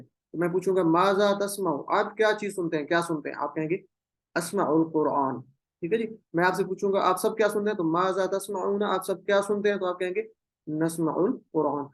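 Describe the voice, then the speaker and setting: A man teaching an online class, patiently drilling Arabic verb forms and calling on students over a video call. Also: on the high side.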